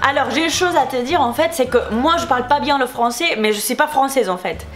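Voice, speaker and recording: A young woman from Spain, a beauty vlogger, replies to comments in French with a Spanish accent, sounding heated and repeating herself. She speaks fairly quickly in a high, slightly bright voice, with slight background noise.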